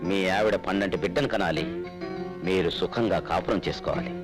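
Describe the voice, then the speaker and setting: An actor playing a gullible, lovesick bachelor in a film comedy, whining and protesting. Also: male voice, sits low, a little fast, close to an everyday voice. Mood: earnest. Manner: whiny protesting comic delivery. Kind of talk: Telugu film comedy acting. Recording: film soundtrack with music underneath.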